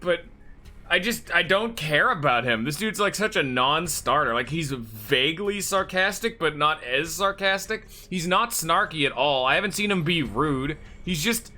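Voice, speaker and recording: A man's voice: a little high, lively intonation, moderate pace, pushed and bright. A man giving casual, rambling, sweary commentary while he plays a video game. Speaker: gameplay commentator.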